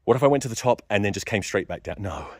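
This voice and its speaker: A man's voice: lowish voice, expressive, fast, no echo, studio quality. A man vlogging outdoors on a cliffside staircase into his phone, rambling and swearing in nervous self-talk, growling and worked up. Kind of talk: casual self-filmed vlog. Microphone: phone camera, sometimes in his pocket.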